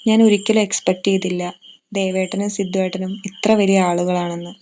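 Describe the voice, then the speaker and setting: A woman voicing soft-spoken young Nanda. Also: medium pitch, level tone, a little fast, slight background noise, close to an everyday voice. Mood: tender.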